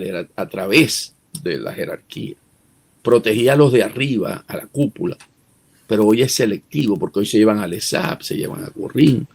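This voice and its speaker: A man speaks as a guest analyst in an interview. His voice is gravelly and a little husky. He argues emphatically, often posing rhetorical questions and restarting his words. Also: medium pitch. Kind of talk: interview commentary.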